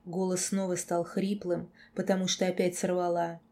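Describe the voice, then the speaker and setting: A woman reading a first-person novel aloud as audiobook narrator, in an expressive, emotional way. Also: on the low side, normal speed.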